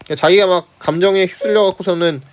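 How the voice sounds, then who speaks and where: A man teaching high school Korean literature from a class handout at home, in a conversational way that keeps checking in with his students. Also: steady tone, fast talker. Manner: starts phrases with a prompting filler, chuckles now and then. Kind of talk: online lecture on a class handout.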